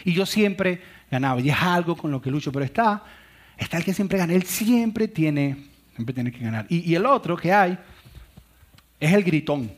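A man's voice: on the high side, animated, normal speed. A middle-aged man, a pastor, preaching a sermon on family conflict and telling stories with acted-out quotes. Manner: storytelling with acted-out quotes and laughs.

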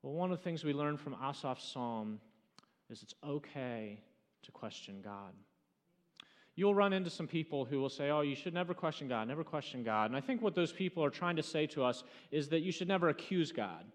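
High-voiced preaching man, reverberant hall. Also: expressive. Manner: swings between loud preaching and hushed, slow emphasis. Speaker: pastor. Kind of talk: sermon.

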